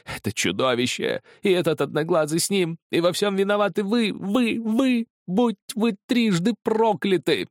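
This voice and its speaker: A man's voice: lowish voice, very animated, slow, smooth, no echo, clean studio sound, pitched above the performer's own voice. A man voicing a drunk, broken old male spy who raves and screams in a trembling, rattling, slightly lisping voice. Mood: hysterical rage. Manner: shrieking, raving, trembling voice.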